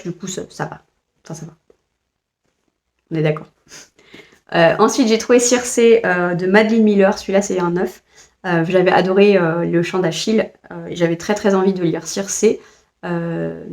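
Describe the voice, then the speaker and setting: A French woman vlogger chats casually about the books she bought in a book haul, hesitant and restarting often with many fillers. Her voice is lowish and darkish in tone, with vocal fry.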